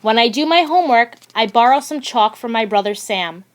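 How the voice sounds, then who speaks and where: A children's picture book is read aloud by a woman audiobook narrator whose voice is fairly high. She delivers it deliberately and expressively, like a storyteller.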